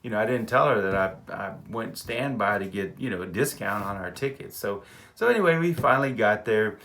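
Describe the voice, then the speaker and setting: A man from Texas, an animated storyteller who chuckles often and repeats words in a casual vlog. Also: fairly low pitch, brisk. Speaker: vlogger.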